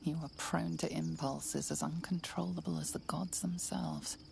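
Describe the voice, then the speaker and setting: A grave, gravelly game narrator. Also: female voice, sits low, fairly even intonation, darkish tone, slight background noise. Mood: foreboding. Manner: measured, ominous, deliberate. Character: grave omniscient female narrator of a fantasy game. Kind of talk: scripted game narration in second person. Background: game music.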